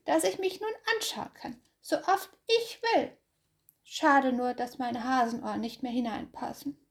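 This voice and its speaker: A small, excitable rabbit boy from a bedtime story, played by a woman reader. His voice jumps up high and squeaky, loud and lively. He talks in slow, exclaiming bursts. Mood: pleased. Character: small excitable male rabbit, shrill and touchy.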